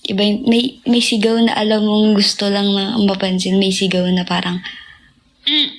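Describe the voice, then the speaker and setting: Gravelly young woman chatting on a livestream. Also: mid-range voice, level tone, normal speed, a little hiss or hum. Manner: chatty, drifts into sung snippets and soft whispers. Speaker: singer livestreaming to fans. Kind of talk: casual livestream chat.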